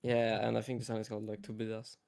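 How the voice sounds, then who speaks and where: A man's voice: on the low side, completely flat delivery, quick pace, creaky, darkish tone. Teasing man in casual banter. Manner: teasing, with fillers. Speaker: co-host friend.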